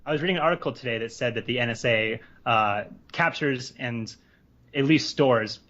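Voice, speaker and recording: A man's voice: mid-range voice, fairly bright tone, dull audio. A man hosting a podcast, joking around in casual chat from a room at home. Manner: joking, rapid-fire. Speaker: podcast host. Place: home room next to a laundry room.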